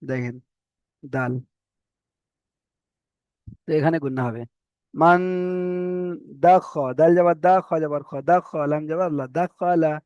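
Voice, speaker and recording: A man teaching Quran reading, spelling out letters and vowel marks and then chanting each word slowly. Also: on the high side, a little mellow, no room sound, dull audio. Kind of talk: spelled-out recitation lesson.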